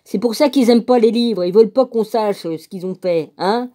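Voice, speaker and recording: A woman reads a religious text aloud at a slow, casual pace, spelling out names letter by letter and adding her own comments. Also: medium pitch, dark tone. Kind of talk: casual reading aloud with asides.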